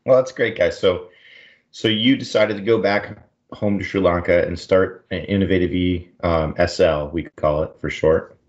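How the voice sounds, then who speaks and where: A man co-hosts a podcast, upbeat and keeping the conversation moving with questions. His voice is very low. The recording sounds a bit dull and lo-fi. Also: fairly even intonation, moderate pace. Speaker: podcast co-host.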